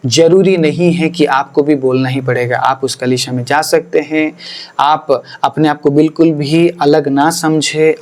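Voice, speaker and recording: A pastor with a slightly high voice earnestly explains his teaching on a podcast. He slips English phrases into his speech and repeats words for emphasis.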